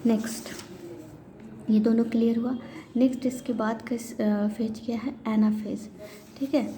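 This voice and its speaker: Woman teacher, very dark mellow voice, patient lecturing, faint background hiss. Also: fairly high pitch, fairly even intonation. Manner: patient, repeats checks with frequent pauses. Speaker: biology teacher. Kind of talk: classroom lecture explanation.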